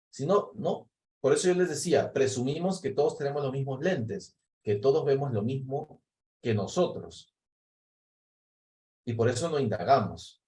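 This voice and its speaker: A man's voice: mid-range voice, darkish tone. A man leading a recorded training session, explaining step by step and often checking in with a questioning tag. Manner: explanatory, often tags phrases with ¿no?; acts out example replies in quoted voices. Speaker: workshop facilitator.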